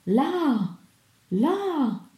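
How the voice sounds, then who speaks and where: A haunted young sailor-officer gone half mad, as a woman reader puts him on, crying out in a high, strangled, frantic voice. The tone is dark and mellow, and the reading echoes around the room. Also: slow pace, lightly acted. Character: crazed young male ship's officer, haunted. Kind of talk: audiobook reading.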